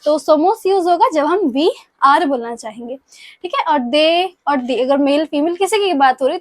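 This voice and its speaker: A young woman with a sore throat teaches Spanish grammar to exam students, patient and repetitive, often pausing to check in with them. Her voice sits high, and the recording is dry and close with no room sound. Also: darkish tone, dry recording. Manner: patient, repeats points, checks in with "ठीक है?". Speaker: Spanish tutor.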